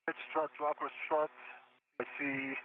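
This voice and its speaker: A male astronaut on a spacewalk speaking over a crackly space-to-ground radio link, reporting in a halting, careful way. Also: on the high side, little pitch movement. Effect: crackly space-to-ground radio transmission. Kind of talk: live radio communication. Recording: tinny radio link with faint hiss.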